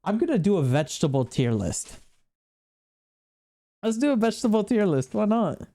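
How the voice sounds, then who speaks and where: The streamer's warm, mid-range voice moves at normal speed with big pitch swings. Chatting casually with viewers and reacting to the screen, he rambles, laughs often, and swears freely.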